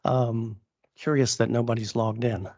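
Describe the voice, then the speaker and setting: A man presenting formally at a public meeting as an applicant's attorney, halting with many fillers and restarts, and losing his voice. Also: mid-range voice, little pitch movement, a little mellow, dry recording, dull audio. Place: council chamber.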